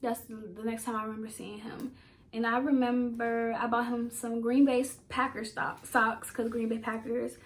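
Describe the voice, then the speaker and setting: A woman in her twenties with a fairly high voice, talking to camera as a vlogger. She tells a personal story in a loose, casual way. Her delivery is heartfelt and emotional. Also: flat delivery, normal speed.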